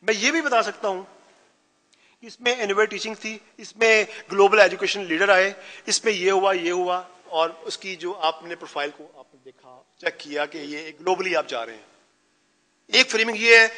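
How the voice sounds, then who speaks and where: Bright-voiced man lecturing in a hall. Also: sits high, normal speed. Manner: mixes Hindi-Urdu with English phrases. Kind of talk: conference lecture on media. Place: conference hall. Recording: long reverb of a hall.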